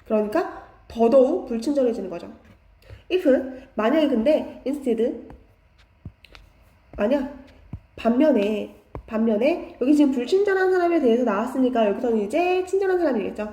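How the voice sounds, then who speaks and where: A woman's voice: sits high, lively intonation, warm tone. Woman teaching grammar in an echoey room. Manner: explains slowly, restating each phrase in simpler words. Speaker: English teacher. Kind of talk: online grammar lecture.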